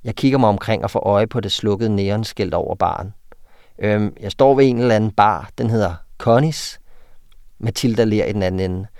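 Danish man, writing teacher, low voice, halting and filler-heavy, dry recording. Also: a little mellow, clear, resonant tone, dry recording. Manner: hesitant, many fillers when explaining. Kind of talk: interview talk and reading student texts aloud.

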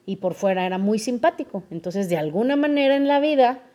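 Speaking a little high and fairly quickly, this young podcast host has a Mexican Spanish accent. She keeps things casual and explanatory, regularly checking in with listeners. Her manner is lively, and she poses questions to them often.

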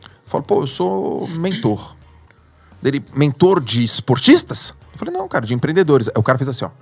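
Quick and husky, with huge pitch swings around a medium pitch, this Brazilian Portuguese-accented man tells stories as a podcast guest. He mentors entrepreneurs and speaks in a slangy, emphatic way, cursing now and then and voicing his own inner thoughts.

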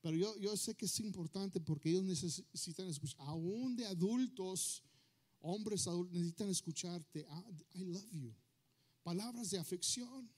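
Preaching to his congregation at a normal pace, this male pastor has a high-pitched voice with a darkish tone. He code-switches between Spanish and English and asks the listeners questions.

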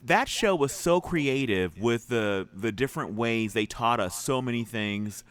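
A man hosting a casual chat show, excitable and quick to react. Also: medium pitch, clear, resonant tone. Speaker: host.

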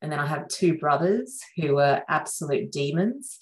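A middle-aged woman from Sri Lanka, a surgeon, chatting reflectively with plenty of fillers in a relaxed interview. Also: low-pitched, moderate pace, low-quality recording. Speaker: surgeon guest.

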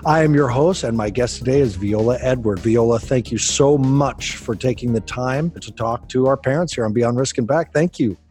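A man's voice: medium pitch, moderate pace, hardly any pauses, a little mellow, soft background music. A man hosting a podcast, speaking earnestly and emphatically as he talks straight to parents and interviews his guest. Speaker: podcast host.

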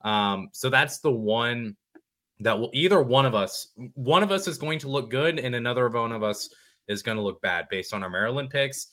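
A man appearing as a guest on a sports podcast, talking casually and thoughtfully, often pausing with ums and correcting himself. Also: medium pitch, sharp tone. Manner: thoughtful, hedging, many ums.

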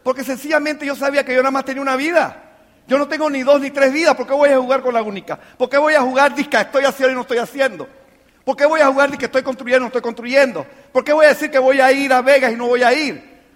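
A man's voice: very high-pitched, steady tone, fast talker, fairly bright tone. A man giving an emphatic motivational talk to a business audience, firing off rhetorical questions. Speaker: business mentor speaking to a team. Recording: long reverb of a live hall.

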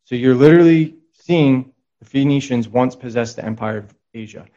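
A researcher and author guests on a podcast, speaking casually and rambling with frequent restarts while reading out quotes. His mid-range voice is warm at normal speed. The highs are cut off.

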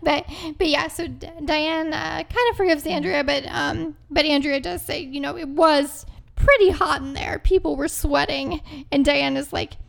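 Woman, podcast co-host, casual recap chat, high voice, gravelly fry, chatty with ums. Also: fairly even intonation, moderate pace. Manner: chatty, many ums and laughs.

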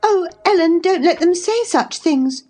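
A woman's voice: sing-song, a little slow, mellow, soft background music. A woman voicing a spoiled, indignant young girl who gives orders and turns tearful, in a storybook reading. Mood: distressed. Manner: haughty, commanding, high and pleading.

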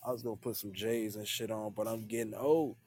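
This thirties-aged livestream host talks casually with viewers in a lowish, fairly even voice that's brisk, a little mellow and slightly rough. He comes across as laid-back yet earnest, often tacking "man" onto the end of his sentences.

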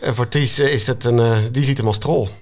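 A man, a children's book author, talking casually as a guest, with a relaxed manner, frequent hesitations and an occasional chuckle. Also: medium pitch, brisk. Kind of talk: casual conversation.

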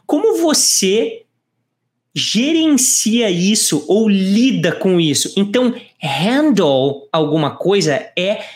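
Slow, melodic Brazilian woman teaching. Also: mid-range voice, very animated, darkish tone. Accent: Brazilian Portuguese. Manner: slow, deliberate model pronunciation of English phrases. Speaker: English teacher. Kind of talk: language lesson, explaining and drilling dialogue.

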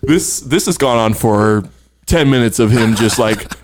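A man's voice: mid-range voice, unhurried, no room sound, studio quality. A man telling a long, funny story in casual chat among friends, laughing often and swearing freely.

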